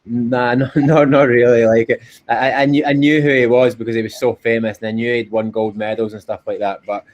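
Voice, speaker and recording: A Scottish endurance cyclist, mid-range in pitch and level in tone, speaks a little fast during a casual interview chat. He is earnest and informal and tends to repeat himself; the call recording is dull and lo-fi.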